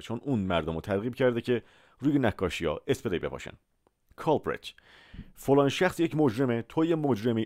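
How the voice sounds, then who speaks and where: A man with a low voice teaches English words in a Persian-language lesson. His voice swings animatedly, and he stretches out each example so listeners can repeat it. The sound is dry and close to the mic. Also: a little mellow, no echo. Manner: slow, drawn-out model pronunciations of English words; repeats words and asks listeners to say them after him.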